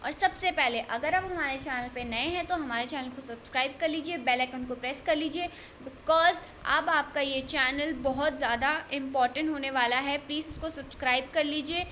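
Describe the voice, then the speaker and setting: A woman's voice: high-pitched, normal speed, sharp tone, slight background noise. A woman tutoring nursing exam candidates, speaking earnestly and repeating her points to urge them on. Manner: earnest, repetitive, urging. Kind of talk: exam-prep lesson talk.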